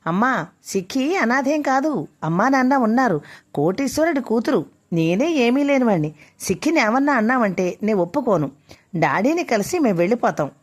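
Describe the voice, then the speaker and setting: A woman's voice: fairly high pitch, big pitch swings, normal speed. Defiant young son, blunt and insistent, read by a woman. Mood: firm.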